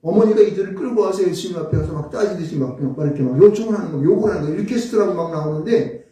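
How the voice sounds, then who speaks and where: A man's voice: high-pitched, very fast, warm tone. A middle-aged male pastor preaching a sermon in a small church, talking conversationally and tossing in frequent rhetorical asides. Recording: very echoey room, voice far from the mic.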